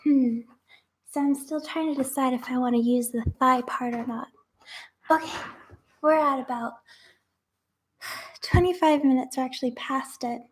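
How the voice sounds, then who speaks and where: A woman's voice: high voice, steady tone, moderate pace, pauses often, a little hiss or hum. A young woman chatting casually while making crafts, rambling with lots of fillers and sometimes dropping to a whisper.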